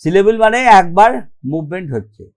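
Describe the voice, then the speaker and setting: High-voiced Bengali-accented male teacher. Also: fairly quick. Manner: explains step by step, often checks with "okay?"; mixes English terms into his explanations. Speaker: grammar teacher. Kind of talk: online grammar lesson.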